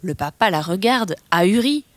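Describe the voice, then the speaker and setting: A woman reading a children's storybook aloud, softly and expressively. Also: medium pitch, expressive, normal speed, no room sound.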